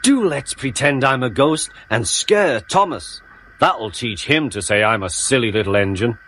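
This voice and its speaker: A man's voice: medium pitch, lively intonation, measured pace, fairly bright tone, slight background noise. A man voicing a cheeky small tank engine who wails eerily, pretending to be a ghost in a storybook tale. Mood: mischievous. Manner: wailing, eerie singsong.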